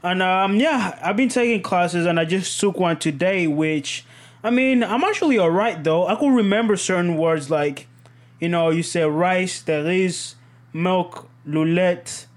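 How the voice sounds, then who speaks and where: High-voiced rambling male podcast host. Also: a little slow. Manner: rambling, tags lines with "okay?"; laughs at himself, animated. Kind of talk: casual chat.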